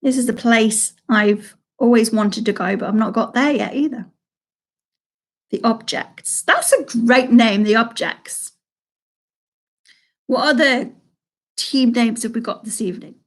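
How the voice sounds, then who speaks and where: A woman runs a live quiz stream from her home, and her voice sits a little on the high side. She chats easily between questions, then reads each one slowly and repeats it for the players. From Salford, England. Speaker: quiz host.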